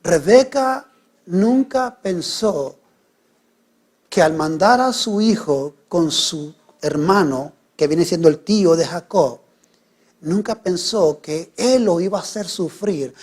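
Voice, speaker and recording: A middle-aged man preaches from the pulpit in a high voice. He drops to near whispers, then rises into loud, stressed calls. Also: unhurried, breathy edge. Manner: preaching with sudden swings from hushed to loud. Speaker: pastor. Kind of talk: sermon.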